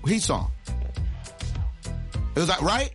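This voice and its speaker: A man's voice: high-pitched, drawn-out words, faint music behind. A man hosting a casual radio interview, joking around and dropping into English now and then. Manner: jokey, lively, switches to English. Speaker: radio host.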